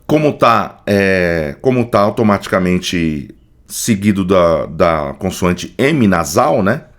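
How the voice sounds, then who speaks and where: A man's voice: sits low, animated. A man teaching English pronunciation, patiently repeating words and checking in with his listeners. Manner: models words slowly and in a drawn-out way. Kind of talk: screen-share phonetics lesson.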